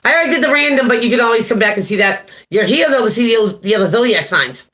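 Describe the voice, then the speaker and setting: A woman's voice: on the high side, lively intonation, fast, fairly bright tone. A woman giving a casual live-stream tarot reading, chatty, laughing at her own jokes and greeting viewers by name. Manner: chatty, laughs at herself often. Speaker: tarot reader.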